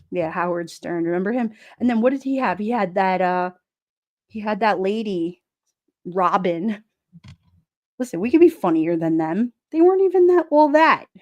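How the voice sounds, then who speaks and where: A woman's voice: medium pitch, unhurried, long pauses, a little mellow, dull audio. New york lady chatting on her stream, sassy asides, laughs all the time. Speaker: livestream host reading chat. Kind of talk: casual chat.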